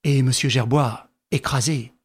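A man narrating a classic novel aloud in a measured, expressive way. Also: mid-range voice, husky. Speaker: audiobook narrator.

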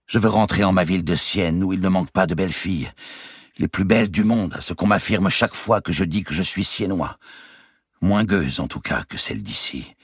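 A man's voice: sits low, lively intonation, brisk, slightly rough, no echo, clean studio sound, pitched above the performer's own voice. A man voicing an angry, vengeful young man of twenty in an audiobook reading. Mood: weary. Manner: heated and resentful.

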